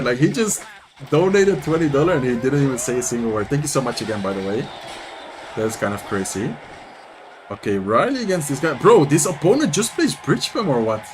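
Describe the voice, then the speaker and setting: A slightly high male voice with a Dutch accent comes through over faint background noise. The young streamer and content creator talks casually and animatedly on his live stream, reading out viewer messages, answering them, and commenting on matches.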